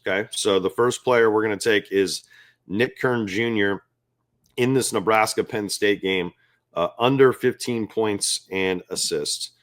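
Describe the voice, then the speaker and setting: Guy doing betting picks to camera, low-ish voice, loose and chatty, keeps saying guys. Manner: chatty, loose and self-amused, talks straight to viewers as "guys". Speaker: sports betting picks host. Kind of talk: casual talk to camera.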